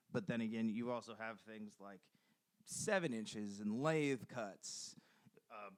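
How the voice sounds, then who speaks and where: Rambling enthusiastic male podcast host. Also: mid-range voice. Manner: rambling, enthusiastic, many fillers and restarts. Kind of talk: casual solo podcast chat.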